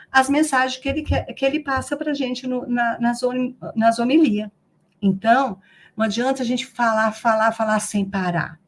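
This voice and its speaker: A middle-aged woman with a Brazilian accent gives a live online training talk. She speaks in a chatty way, repeats herself and asks her listeners to agree. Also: on the high side. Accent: Brazilian Portuguese. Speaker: lecturer and trainer.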